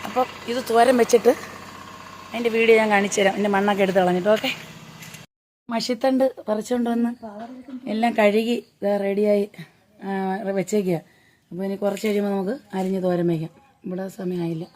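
Hoarse homely woman cooking. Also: medium pitch, fairly even intonation, brisk, long pauses, a little mellow. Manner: chatty, homely explaining while working. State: hoarse from a blocked throat. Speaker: home cooking vlogger. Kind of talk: casual cooking vlog. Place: home garden and old dim kitchen.

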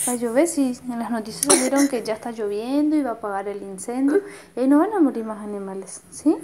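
A woman's voice: a little high, expressive, quick pace, mellow. A woman with an Argentine Spanish accent speaking tenderly and soothingly as a mother to her young child in casual home conversation, using endearments. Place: indoors in a home room. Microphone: handheld phone, close by. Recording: noisy handheld phone video.

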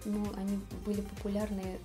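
A young woman talks casually to camera as a vlog host, telling stories in an indoor room. Her voice sits at an average female pitch. Music plays clearly behind her. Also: completely flat delivery, a little fast. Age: young adult. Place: furnished living room, indoors.

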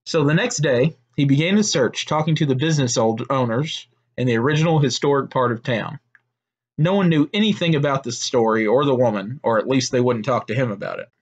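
Steady man telling a tall tale. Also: medium pitch, fairly quick, slightly rough, muffled recording. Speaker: storyteller. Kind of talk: told story narration.

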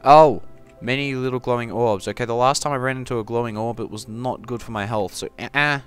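A man giving goofy, casual gameplay commentary, talking to the game and breaking into sudden loud yelps. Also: medium pitch, fairly quick. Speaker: gaming commentator. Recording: game music behind the voice.

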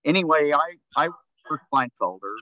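A man's voice: fairly high pitch, expressive, normal speed, sharp tone, dry recording. A man presenting as an environmental geoscientist, hesitant and unsure. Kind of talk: starting a webinar talk. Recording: dry, dull call audio.

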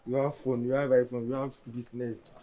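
A man's voice: medium pitch, little pitch movement, fairly quick, mellow, a little hiss or hum, close to an everyday voice. A desperate young man, played by a man who speaks with a Nigerian Pidgin accent. He keeps pleading and pressing in a whiny, insistent tone. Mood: pushy. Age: young adult. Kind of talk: Nigerian gospel comedy drama.

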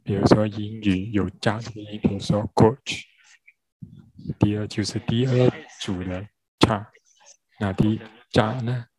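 A man interpreting a grammar lesson, spelling out syllables one by one with frequent pauses. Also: fairly low pitch, steady tone, darkish tone, breathy edge, no room sound, poor audio. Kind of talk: slow spoken lesson.

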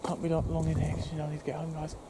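A man's voice: on the high side, monotone, rapid-fire. Nervous young British man vlogging outdoors, noisy recording. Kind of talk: casual night exploring vlog, talking to viewers. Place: outdoors walking in woods at night. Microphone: handheld camera microphone.

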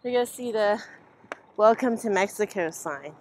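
A young adult woman with a mid-range, slightly mellow voice chats informally as she hosts and films her own rambling travel vlog. Sound is picked up by the built-in mic of a camera held at arm's length, making for a noisy handheld amateur recording.

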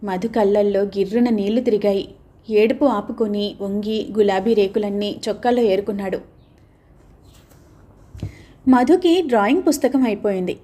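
Soft-toned woman reading a novel. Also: mid-range voice, moderate pace, long pauses. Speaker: audiobook narrator. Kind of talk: scripted narration.

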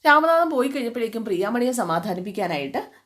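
A woman's voice: a little high, sing-song, fast, a bit bright. Woman storyteller, casual retelling, chatty asides; plain everyday voice.

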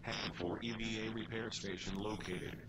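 A man voicing a calm spacesuit computer system that gives even, automated status announcements. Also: on the low side, normal speed, lightly acted. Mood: steady. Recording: loud background noise.

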